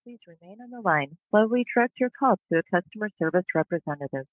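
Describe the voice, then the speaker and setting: A man's voice on a recorded phone message, reading automated menu prompts in an even, measured way. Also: high voice, background noise. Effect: recorded phone message over a phone line. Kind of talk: scripted automated announcement. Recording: tinny phone line, dry.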